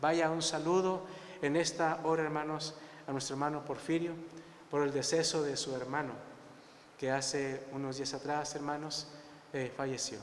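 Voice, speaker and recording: Un hombre predicando un sermón de escuela dominical con pasión, repitiendo "hermanos" a cada rato. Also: male voice, on the high side, level tone, moderate pace, slight background noise. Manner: impassioned, repeats "hermanos" constantly. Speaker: preacher. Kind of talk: Sunday school sermon. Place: church. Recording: echoey church hall.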